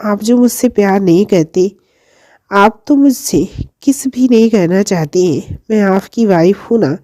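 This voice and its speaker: A woman's voice: mid-range voice, a little slow, dark tone, no echo, clean studio sound, natural voice. A woman voicing a tipsy young wife who talks in a childish, pouting, sing-song way. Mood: whiny.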